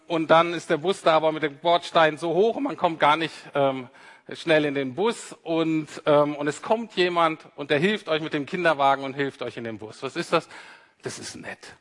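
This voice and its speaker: Male preacher, fairly high voice, chatty sermon style, long hall echo. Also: normal speed, fairly bright tone. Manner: conversational, addresses listeners directly, acts out quoted speech. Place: church hall. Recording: reverberant hall.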